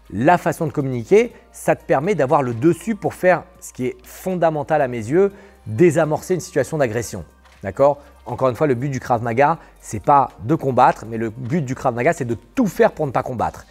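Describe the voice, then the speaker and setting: A man teaching self-defense straight to the viewer, stressing key words and checking in with quick questions. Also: mid-range voice, a little mellow. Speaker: krav maga instructor. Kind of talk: direct-address video lesson.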